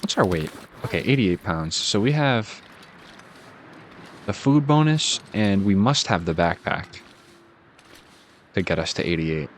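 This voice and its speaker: A man with a Boston accent giving relaxed, casual commentary as he plays a game, musing aloud and chuckling at himself. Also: sits low, unhurried, long pauses, a little hiss or hum. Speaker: gaming channel host.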